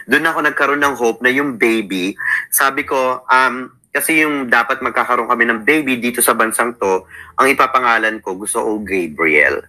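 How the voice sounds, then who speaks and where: An interview guest in his thirties with a Filipino accent tells his life story in a casual chat, his mid-range voice pushed and bright at a moderate pace. He sounds sleepy, mixes Tagalog and English, and often quotes himself and others. The audio is poor.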